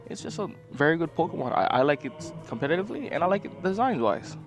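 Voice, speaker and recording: A man's voice: fairly high pitch, big pitch swings, fast, music in the background. A man hosting a casual top ten countdown commentary, talking in a slangy way and often tacking "man" onto his sentences. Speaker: video host.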